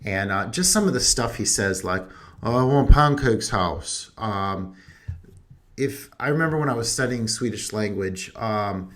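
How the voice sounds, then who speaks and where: A man's voice: fairly low pitch, expressive, moderate pace, fairly bright tone. A young man co-hosting a movie podcast, talking in a loose, rambling, chatty way. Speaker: podcast co-host. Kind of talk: casual chat.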